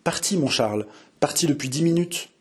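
A man voicing a gentle young woman who soothes and pleads softly. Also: fairly high pitch, animated, moderate pace, breathy edge. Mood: reassuring. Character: Marie Touchet, young woman, tender, soothing mistress.

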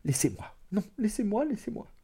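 A man reading aloud, voicing a proud, distressed young woman who speaks softly and gravely. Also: medium pitch, normal speed. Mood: desperate. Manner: grave, quietly firm pleading. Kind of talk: dramatic audiobook reading.

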